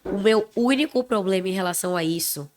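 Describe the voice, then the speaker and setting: A young woman with a Brazilian Portuguese accent co-hosting a podcast in casual chat, emphatic and expressive, a little under the weather. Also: medium pitch, fairly quick, slight background noise. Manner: expressive, emphatic, self-described loud voice. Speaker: podcast co-host.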